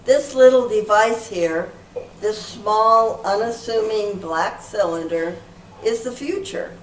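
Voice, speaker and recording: A woman in amateur readers theater plays an eager, easily flustered group leader, presenting her lines earnestly. Her natural, medium-pitched voice moves at a slow pace, captured from far off in an echoey room with faint noise.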